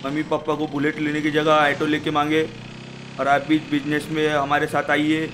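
Guy doing goofy game commentary, kinda high voice, bursts into shouting like a street seller, loud game noise underneath. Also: monotone, moderate pace. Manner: joking, playful street-seller banter with sudden shouted calls. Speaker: gaming channel host. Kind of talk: comic gameplay commentary.

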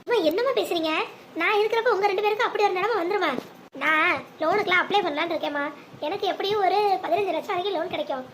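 A protective young cartoon brother reassures his family in a steady, caring way, acted by a woman. The voice stays very high for a man and moves briskly. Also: slight background noise. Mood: reassuring. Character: caring young adult son and elder brother.

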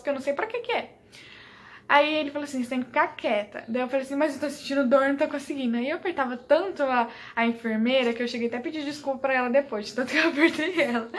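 Uma jovem mulher brasileira, vlogueira, contando em tom casual e animado uma experiência pessoal, rindo muitas vezes e imitando diálogos. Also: female voice, high-pitched. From Brazil. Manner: animated, laughs often, quotes people in dialogue. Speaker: vlogger. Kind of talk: casual storytelling.

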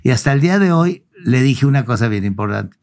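A man speaks as a podcast guest. His voice is gravelly and full of vocal fry at a middle pitch. He tells a long story casually and acts out the quoted dialogue himself. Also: a little fast. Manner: animated anecdote-teller acting out both sides of dialogue.

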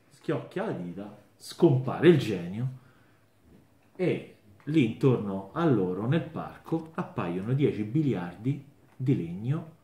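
A man telling a long joke, unhurried and animated, slipping into voices for the characters. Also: medium pitch. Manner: unhurried, lively storytelling, shifts into character voices. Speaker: joke teller. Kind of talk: storytelling a joke. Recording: roomy echo, faint noise.

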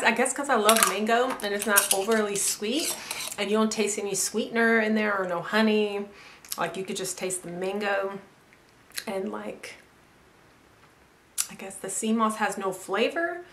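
A young woman talks through a casual product review vlog. She sounds chatty and enthusiastic and leans on "like" as she goes, at a middling pitch. The room around her gives back a clear echo. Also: fairly bright tone. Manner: chatty, enthusiastic, fills speech with "like". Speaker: YouTuber. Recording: echoey room.

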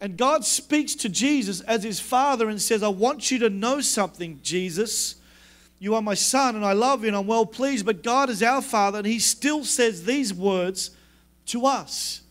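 A pastor preaches at a moderate pace, emphatic and repetitive in his delivery. He drops low and soft whenever he quotes what God said.

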